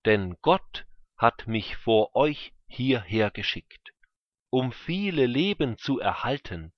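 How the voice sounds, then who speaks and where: Joseph, a forgiving and powerful brother from a Bible story, read by a man. Slow and earnest, in a lowish voice, dry and a bit muffled. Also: dry recording. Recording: dull lo-fi recording.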